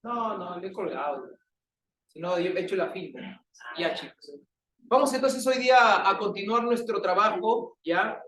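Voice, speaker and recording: A man's voice: high-pitched, unhurried, fairly bright tone. A male teacher with a Peruvian accent, teasing and joking with his students during a classroom lecture. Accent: Peruvian Spanish. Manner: playful, teasing banter with students. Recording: echoey classroom recorded from a distance.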